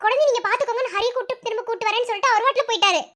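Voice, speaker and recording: For a cartoon, a woman voices an anxious young village wife with a Madurai Tamil accent, fretting and asking worried questions. Her delivery is rapid-fire, her pitch extremely high, and her tone fairly bright.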